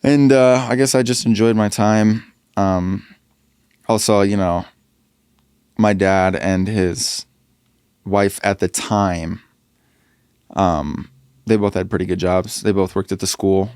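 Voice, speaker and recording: A man's voice: fairly low pitch, fairly even intonation, slow pace, long pauses, a little mellow, clean tone, dry recording. A young man, a podcast guest and rapper, talking casually with many fillers and restarts into a studio mic. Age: young adult. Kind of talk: casual interview chat.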